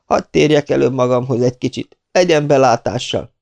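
A man's voice: medium pitch, vocal fry, darkish tone, pitched above the performer's own voice, close to an everyday voice. A man voicing a beaten young man who pleads and groans as he tells what happened, in an audiobook reading. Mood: pleading. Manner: breathless, pleading.

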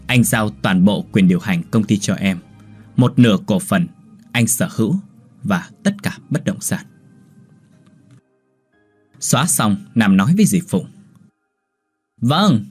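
A man's voice: fairly low pitch, lively intonation, measured pace, pauses often, a little mellow, breathy edge, soft background music. A man narrating a Vietnamese ghost story in a dramatic, vivid scripted reading.

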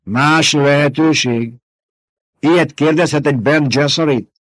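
A man's voice: a little high, dry recording, voice pushed up, natural voice. A man doing a scornful old reverend mother. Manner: mocking and domineering.

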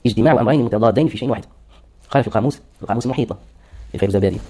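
A man's voice: mid-range voice, mellow. A man lecturing on hadith terminology, explaining words one by one and answering his own questions. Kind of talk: classroom lecture.

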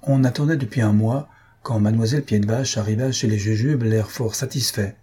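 A man narrating a comic classic novel aloud in a measured, steady way. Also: on the low side, slightly rough. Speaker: audiobook narrator. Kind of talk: scripted narration.

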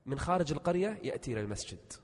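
A male preacher, telling stories in a sermon and rising to forceful exhortation. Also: on the high side, sing-song, rapid-fire. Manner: tells stories, acting out the people in them. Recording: reverberant hall.

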